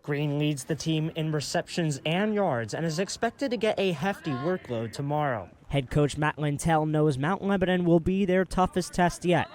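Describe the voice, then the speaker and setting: Pitched fairly high with a darkish tone, a man in his early twenties talks at normal speed with hardly any pauses. He works as a sports broadcaster, doing hockey play-by-play and reading scripted sports news.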